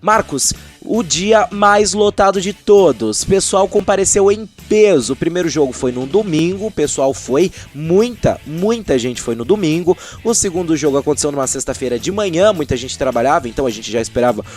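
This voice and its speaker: A man's voice: a little high, lively intonation, normal speed, few pauses, faint music behind. A Brazilian man hosting a sports radio show, sounding a bit hungover as he presents.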